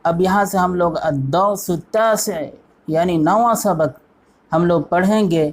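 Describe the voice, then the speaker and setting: An Arabic teacher gives an online textbook lesson, patiently explaining step by step, repeating each word and quizzing the listener. His voice is high-pitched with a darkish tone.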